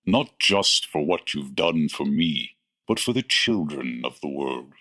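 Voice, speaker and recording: An actor playing a hearty, earnest old Santa in a radio adventure, declaiming slowly. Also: male voice, extremely low pitch, animated, a bit bright, exaggerated voice. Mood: grateful.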